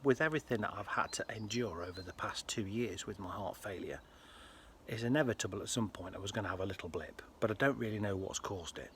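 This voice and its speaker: A British man speaking casually to viewers in a personal health vlog, with an earnest, halting delivery. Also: on the low side, fairly bright tone. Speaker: health vlogger. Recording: faint ambient background noise.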